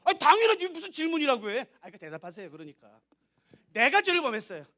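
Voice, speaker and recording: A male pastor delivers a revival sermon in a church sanctuary with a high, bright and forceful voice. He speaks emphatically and straight to the congregation, slipping into short acted-out exchanges to drive his points home. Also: wildly swooping pitch, quick pace. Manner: emphatic, acts out dialogues, addresses congregation directly.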